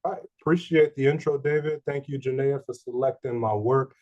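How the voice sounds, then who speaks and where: A man, mid-pitched, speaks about his art over a video call. He sounds relaxed and friendly. His voice is slightly hoarse, as he is getting over an illness. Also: moderate pace, dull audio. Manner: relaxed and friendly, easygoing slang. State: slightly hoarse, recovering from a respiratory infection. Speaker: artist, photographer. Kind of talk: casual artist talk.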